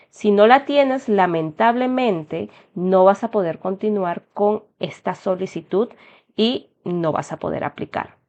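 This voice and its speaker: A woman's voice: medium pitch, a little mellow. A young adult woman from Peru with a Peruvian Spanish accent, walking viewers through an application form in a friendly explanatory tutorial. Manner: explanatory, addresses viewers as "chicos". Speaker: immigration tutorial host. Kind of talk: step-by-step tutorial narration. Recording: slightly dull lo-fi sound.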